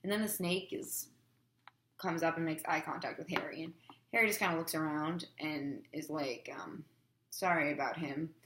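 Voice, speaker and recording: Woman, teacher, chatty and filler-heavy, low voice, roomy echo. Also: moderate pace, noisy background. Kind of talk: casual chapter review for students.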